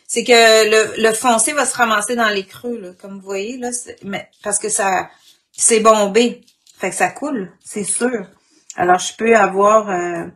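A woman with a Quebec French accent and a husky morning voice, informally demonstrating an art technique and often clearing her throat. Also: medium pitch. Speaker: craft instructor. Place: indoor craft worktable.

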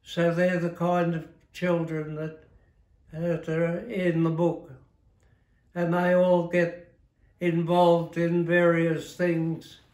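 A man in his nineties with an Australian accent, reminiscing slowly about his life in an interview, often stopping to correct himself. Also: fairly high pitch, monotone, darkish tone, reverberant. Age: 90s. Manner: measured, halting, frequent self-corrections. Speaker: retired teacher and author interviewed. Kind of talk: slow reflective reminiscing. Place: living room of an aged-care home, seated in armchair.

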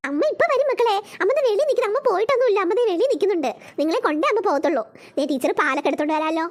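A woman's voice: extremely high pitch, expressive, rapid-fire, a little hiss or hum. A woman voicing a cheerful female preschool teacher in a cartoon, coaxing crying children in a sing-song Malayali way. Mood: reassuring. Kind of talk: cartoon voice acting.

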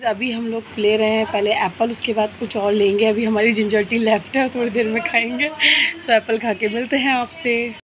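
Chatty high-voiced young woman vlogging. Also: level tone, moderate pace, crowd noise. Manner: chatty, affectionate, laughs often. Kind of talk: casual family vlog.

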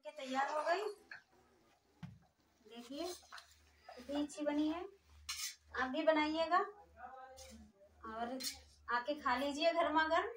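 A woman's voice: sits high, slow, long pauses, a bit bright. A woman vlogger casually explaining each step as she cooks in a small village kitchen. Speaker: cooking vlogger. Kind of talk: casual cooking narration. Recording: distant phone audio with sizzling noise.

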